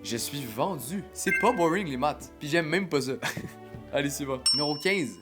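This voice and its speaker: A young man with a Québécois accent hosting a casual vlog, animated and joking in a slangy way. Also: on the high side, normal speed, loud music behind the voice. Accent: Québécois French. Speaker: host.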